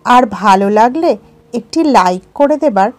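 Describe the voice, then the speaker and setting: A woman narrating a story in a measured storybook reading, as a storyteller for her listeners. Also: fairly high pitch, expressive, darkish tone. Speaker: audiobook narrator. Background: faint music.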